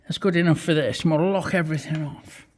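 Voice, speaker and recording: In a cramped home workshop, a British vlogger who machines as a hobby talks through a casual demo step by step, in short bursts, swearing freely in a chummy manner. His pitch is fairly high, his intonation fairly even, and he speaks a little fast. Loud milling machine and engine noise and clicking fill the background.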